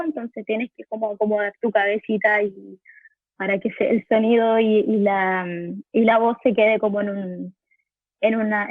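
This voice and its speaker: A woman's voice: on the high side, no room sound. Chilean woman on a tinny phone line. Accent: Chilean Spanish. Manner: hesitant, restarts and repeats words. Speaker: voice actress, interview guest. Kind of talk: casual interview answers. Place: home recording room.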